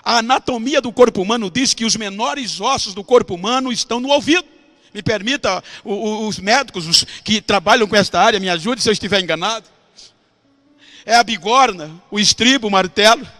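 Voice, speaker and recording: A man with a Brazilian Portuguese accent preaching a sermon as a pastor, swinging from hushed storytelling to shouted climaxes. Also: high voice, a little fast.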